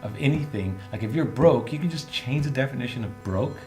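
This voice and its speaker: A man co-hosting a livestream, chiming in with jokes and quick quips in casual banter. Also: medium pitch, animated, a little mellow, soft background music. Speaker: co-host.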